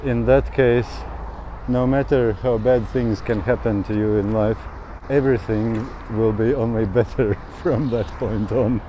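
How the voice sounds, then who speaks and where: A man in his thirties from Latvia, speaking in a slow, thoughtful personal monologue and laughing often as he talks. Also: medium pitch, steady tone, warm tone, slight background noise, poor audio. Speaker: travel vlogger. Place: outdoors in a town.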